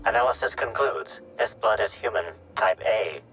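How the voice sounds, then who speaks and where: A forensic analysis machine from a video game, impassive and formal. The male voice is fairly low and states things with detached precision. Faint music plays behind it. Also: expressive, normal speed, fairly bright tone, rough recording. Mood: clinical, detached. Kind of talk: scripted video game narration.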